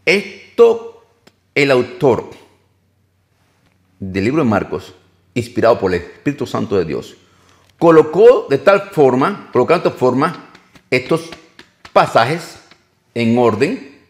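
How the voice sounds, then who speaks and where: A man's voice: mid-range voice, big pitch swings, slow, long pauses. A man preaching a sermon, emphatic, often repeating and correcting his phrases as he goes.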